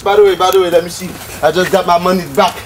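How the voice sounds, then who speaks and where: A man's voice: high voice, fairly even intonation, fast, close to an everyday voice. An actor playing an angry young man who rants and swears in a film drama. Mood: agitated. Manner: agitated, ranting, swearing. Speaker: character in a film. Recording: distant mic, clear background noise.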